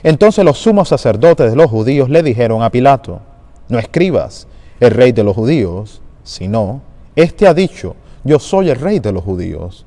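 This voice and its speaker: A man's voice: mid-range voice, sing-song, moderate pace, mellow. Man reading solemnly in a church. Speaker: Passion reader at a Good Friday service. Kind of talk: liturgical Gospel reading. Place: large church. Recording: long church reverb.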